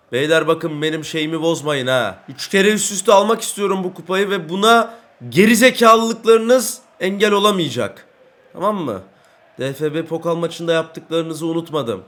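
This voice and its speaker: Young man, gaming commentator, bright and excitable, shouts at teammates. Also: a little high. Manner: excitable, yells and curses at teammates. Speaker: gaming YouTuber. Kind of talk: Let's Play commentary.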